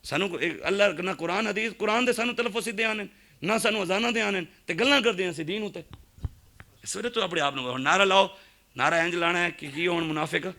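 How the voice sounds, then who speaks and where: A man's voice: high voice, pushed and bright. A man with a Punjabi accent preaching a sermon in an impassioned way, firing rhetorical questions at his listeners. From Pakistan.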